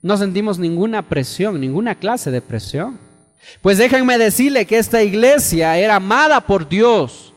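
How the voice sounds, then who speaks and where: A man's voice: high-pitched, animated, normal speed, long reverb tail, soft background music. A man preaching a sermon as pastor, emphatic, repeating phrases and putting questions to his congregation. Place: church hall.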